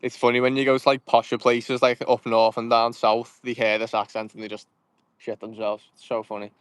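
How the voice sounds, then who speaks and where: This young man's voice is medium in pitch, clear and resonant, delivered flatly and a little fast with no room sound. A fishing vlogger from Liverpool with a Scouse accent, he keeps up a casual live-stream chat by cold water outdoors, laughing a lot and responding to viewers' comments as he fishes.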